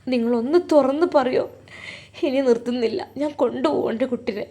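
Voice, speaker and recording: A woman's voice: sits high, steady tone, fairly quick, warm tone, close to an everyday voice. A woman voicing a distraught older father, tearful and demanding.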